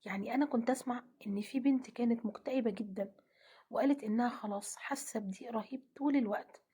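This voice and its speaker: A woman with an Egyptian accent giving a gentle devotional talk, often dropping to a half-whisper. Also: a little high, fast, husky. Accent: Egyptian Arabic. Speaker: religious speaker.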